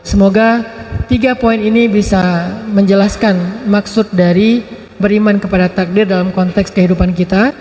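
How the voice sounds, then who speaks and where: A man's voice: high-pitched, fairly even intonation, moderate pace, darkish tone, roomy sound, in a large hall. A man giving a sermon, telling stories with acted dialogue in a casual, playful way. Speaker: preacher.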